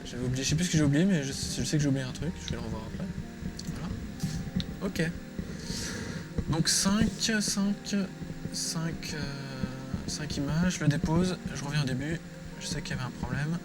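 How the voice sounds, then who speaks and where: A man presenting a drawing tutorial thinks aloud casually and improvises as he works, his voice a little high and his pace normal. Loud music plays behind him, and the recording quality is low.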